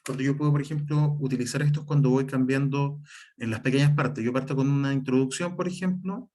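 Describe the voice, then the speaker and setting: A man's voice: mid-range voice, brisk, mellow. Man explaining spelling rules in a class. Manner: explanatory, repeats "por ejemplo" and "en este caso", some restarts. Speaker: teacher. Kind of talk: online class lecture on writing and spelling.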